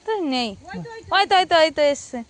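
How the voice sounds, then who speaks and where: A hoarse woman vlogging her village life outdoors, chatting and asking her family questions as she goes. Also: high-pitched, animated, fast talker. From Bengal. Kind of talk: casual narration of daily life.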